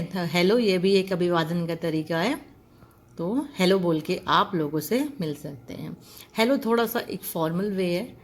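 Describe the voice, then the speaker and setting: A woman teaching an English lesson, spelling words out letter by letter and drawing out each sound. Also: on the low side. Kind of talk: classroom-style language lesson.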